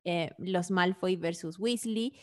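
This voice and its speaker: A woman's voice: fairly low pitch, takes it slowly. Chilean woman talking in a casual chat. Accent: Chilean Spanish. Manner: animated, slangy, runs long explanations.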